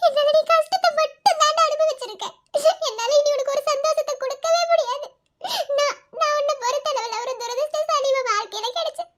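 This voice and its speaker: A woman's voice: extremely high pitch, fairly quick, a bit bright. A woman voicing a heartbroken young wife who weeps and blames herself, with a Madurai Tamil accent. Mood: weeping. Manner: weeping, self-blaming. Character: heartbroken young wife weeping over her husband.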